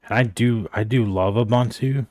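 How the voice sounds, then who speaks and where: A man's voice: mid-range voice, moderate pace, a little mellow, no room sound, clean studio sound. A man streaming a game, chatting loosely and unsure of himself, with lots of "like" and "I think" as he talks. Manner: rambling and unsure, full of "like" and "I think". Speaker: gaming streamer. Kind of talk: casual chat while gaming.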